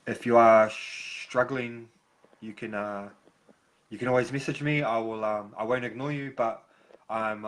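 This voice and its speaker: A man's voice: medium pitch, poor audio. Kiwi guy hosting a live stream, broad nz accent, casual, stops and starts a lot. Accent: broad New Zealand. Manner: halting, frequent pauses. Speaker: host of a recovery live stream.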